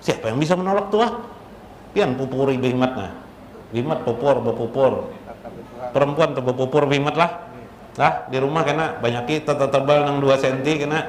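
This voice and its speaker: At an indoor religious gathering, a Banjar-accented preacher from South Kalimantan, Indonesia, gives an informal, joking sermon in a mid-range voice at a moderate pace. He's conversational and full of rhetorical questions, mixing local speech with Arabic phrases. The room is echoey, with faint background noise.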